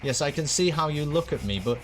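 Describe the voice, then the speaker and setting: A man's voice: on the high side, lively intonation, fairly quick, a little hiss or hum, close to an everyday voice. A man voicing a bored, haughty villainous lord in a video game, with a languid, pompous regency aristocrat manner. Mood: bored, condescending. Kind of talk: video game dialogue read aloud in character.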